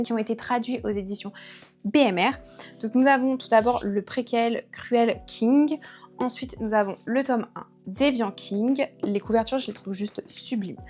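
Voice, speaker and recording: A woman's voice: a little high, a little mellow. A young woman chatting casually about her book series, talking with frequent fillers and restarts as a book vlogger. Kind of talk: casual book review chat.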